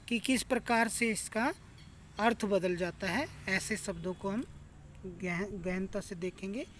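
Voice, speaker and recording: A man's voice: sits high, fairly bright tone, slight background noise. A male teacher explaining a textbook lesson to children, patient and repetitive, often addressing the class directly. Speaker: school teacher.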